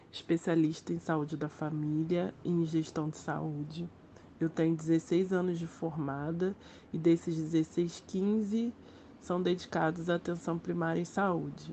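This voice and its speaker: A Brazilian woman in her late thirties, a nurse, explaining her field in a measured, instructive way. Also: sits low, steady tone, dark tone, a little hiss or hum. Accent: Brazilian Portuguese. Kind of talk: explanatory interview.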